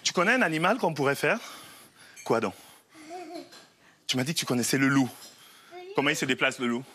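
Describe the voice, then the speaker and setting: On the set of a TV parenting show, styled like a living room with music playing, a thirtysomething fitness coach speaks in a bright, forceful, medium-pitched voice with lively intonation and a brisk pace. He stays physically active, cheerfully showing a mom and her little one how to do the exercises, and there's slight background noise.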